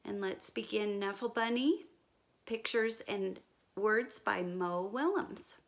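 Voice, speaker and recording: A woman with a mid-range voice takes her time reading a picture book aloud to young children, teacher-like. Careful and expressive, she offers explanatory asides and asks her listeners gentle questions.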